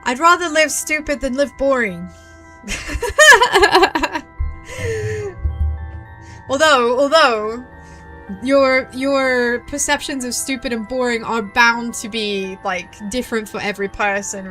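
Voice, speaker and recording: A woman streaming a visual novel, giving excitable, casual commentary with frequent swearing and laughter. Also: fairly high pitch, normal speed, faint music behind. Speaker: VTuber streamer. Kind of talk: casual let's-play commentary.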